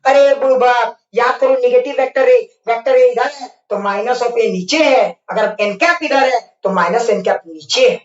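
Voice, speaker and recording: A man's voice: extremely high pitch, normal speed, hardly any pauses, soft background music. A man teaching physics in an online class who coaxes and playfully scolds his students and keeps checking whether they follow. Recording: echoey, distant, dull mic.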